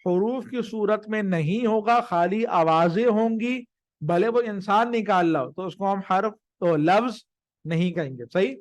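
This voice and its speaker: A man giving a live grammar lesson, who explains patiently, slows down to stress each word of a definition and keeps checking with his listeners. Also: high voice, no room sound. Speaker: teacher.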